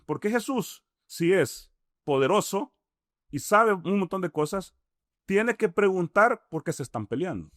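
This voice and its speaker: High-voiced Salvadoran man explaining. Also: expressive, measured pace, a bit bright, dry recording, studio quality. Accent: Salvadoran Spanish. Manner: explains step by step, often checking in with "¿mm?" and rhetorical questions. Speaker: imam, interview guest. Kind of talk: conversational explanation.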